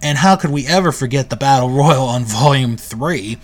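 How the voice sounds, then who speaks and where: A man giving a casual, relaxed recap of a video, often correcting himself and filling pauses with "um" and "uh.". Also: medium pitch. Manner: relaxed, self-correcting with frequent fillers. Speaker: video reviewer.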